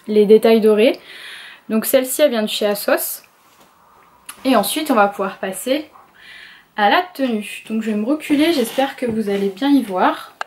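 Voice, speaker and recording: A woman's voice: mid-range voice, a little mellow. A young woman with a French accent chatting casually to her viewers about her outfit of the day, with lots of fillers. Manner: chatty, many fillers, speaks straight to viewers. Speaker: beauty vlogger.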